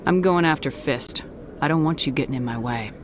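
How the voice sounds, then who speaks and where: A man's voice: on the high side, brisk, noisy background, close to an everyday voice. An actor voicing a hardened male military commander in a video game, curt, commanding and threatening. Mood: ruthless. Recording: game audio with loud score behind.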